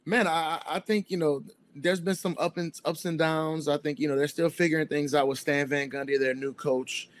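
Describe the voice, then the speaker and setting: A man's voice: fairly high pitch, steady tone, normal speed, no echo. A man with an American accent, around his thirties, giving conversational sports analysis as a guest reporter. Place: small room indoors on a video call.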